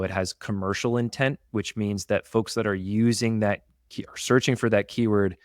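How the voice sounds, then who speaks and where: Guy with a lowish voice explaining marketing stuff on a podcast, dry close sound. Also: dry recording. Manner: explanatory, steady, digresses into detail. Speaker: podcast co-host. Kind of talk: casual business chat.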